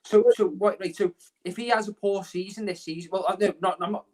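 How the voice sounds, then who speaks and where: A man arguing a football point on a podcast panel, stopping and restarting as he goes. His voice sits noticeably high for a man. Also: fairly even intonation, a little mellow. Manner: halting, repeats words. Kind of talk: casual football debate chat.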